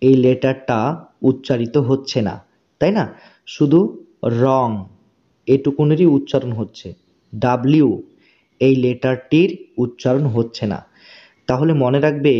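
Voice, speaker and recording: A man teaching spoken English in a slow, patient way. He repeats each word and often checks that the learner has understood. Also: medium pitch, muffled recording.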